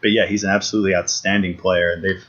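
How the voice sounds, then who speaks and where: A man's voice: low-pitched, flat delivery, fast talker, fairly bright tone. A man co-hosting a casual football podcast, talking eagerly with many restarts and repeated points. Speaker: podcast co-host. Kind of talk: casual sports chat. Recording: dull lo-fi podcast audio.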